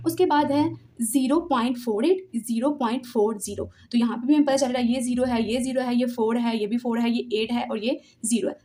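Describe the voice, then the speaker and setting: Patient woman teacher, mellow tone. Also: fairly high pitch. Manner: patient, repeats each step, mixes in English terms. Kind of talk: classroom lesson.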